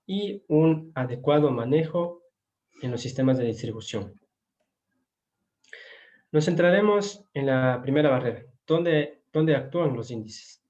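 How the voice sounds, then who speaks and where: Man, doctoral lecturer on a video call, measured and explanatory, pausing on fillers, mid-pitched, muffled lo-fi audio. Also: darkish tone. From Ecuador. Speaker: doctoral student giving a lecture. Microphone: computer mic on a video call.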